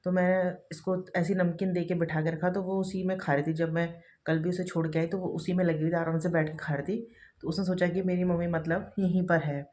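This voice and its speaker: Going about her chores in the kitchen and around the house, a thirtysomething vlogger and mother of two chats casually and tends to repeat herself. She speaks fairly quickly in a fairly low, slightly mellow voice with little pitch movement.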